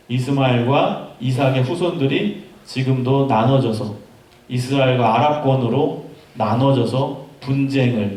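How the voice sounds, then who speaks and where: A man's voice: mid-range voice, darkish tone, recorded from a distance. Man preaching in an echoey church hall. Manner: storytelling, asks the congregation questions. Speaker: pastor. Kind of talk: youth sermon.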